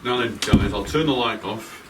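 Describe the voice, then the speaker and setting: Low-voiced medium. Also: male voice, normal speed, heavy background noise. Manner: calm, reassuring, stumbling over words. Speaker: medium leading a paranormal investigation. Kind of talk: guiding a night-time ghost hunt. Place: indoors in a house at night.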